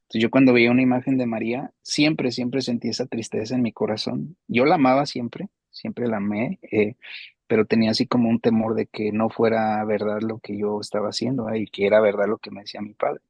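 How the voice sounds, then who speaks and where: A man's voice: lowish voice, fairly even intonation, a little fast, darkish tone, slightly rough, no room sound, highs cut off. A man giving a personal faith testimony in an earnest, emotional way, often repeating himself. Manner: earnest, repetitive, emotional retelling.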